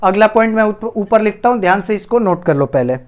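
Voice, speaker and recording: With a high, expressive voice and a fairly quick delivery, a man teaches Hindi grammar in classroom fashion at a whiteboard. He keeps questioning the class, repeats the important terms, and refers to his students as "bhaiya."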